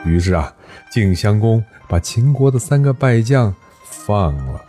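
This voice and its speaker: A man's voice: fairly low pitch, very animated, unhurried, warm tone, soft background music. A man telling an ancient history story, narrating with animation and voicing every character.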